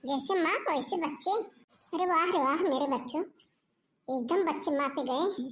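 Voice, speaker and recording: A woman's voice: extremely high pitch, fairly even intonation, moderate pace, creaky, slight background noise. A woman voicing a nagging, sarcastic old grandmother in a cartoon moral story. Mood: muttering. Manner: taunting, complaining, sarcastic.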